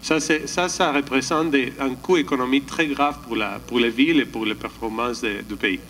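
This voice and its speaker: A man's voice: mid-range voice, normal speed, fairly bright tone, a little hiss or hum, rough recording. A man giving a slide presentation at a conference, hesitant, often restarting and searching for words. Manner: calls for the next slide.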